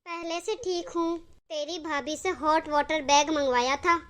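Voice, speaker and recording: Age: older. Figure: ailing gentle mother voiced by a woman. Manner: soft and weary. Pitch: very high. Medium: cartoon storybook. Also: fairly even intonation, unhurried.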